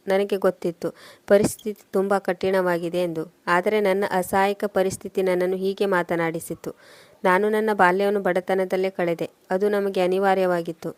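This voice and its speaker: A woman narrating a story in steady scripted storytelling. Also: medium pitch, no echo.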